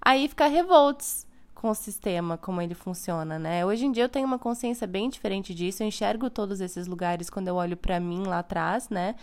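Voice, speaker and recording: A young woman speaks in a Brazilian Portuguese accent, loose and conversational, tossing in little asides to her listeners. Her voice sits at an ordinary middle pitch for a woman, and she talks like a spiritual vlogger chatting to a camera. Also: a little fast, hardly any pauses. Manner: chatty and playful, frequent "né?" asides. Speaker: spiritual content creator. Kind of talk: casual spiritual vlog monologue.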